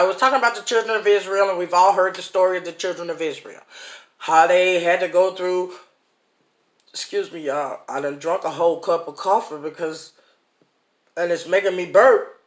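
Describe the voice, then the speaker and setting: An online inspirational speaker gives a casual, folksy devotional talk, addressing viewers directly and chuckling often. The voice is mid-range, at normal speed and a bit bright, recorded with a roomy echo.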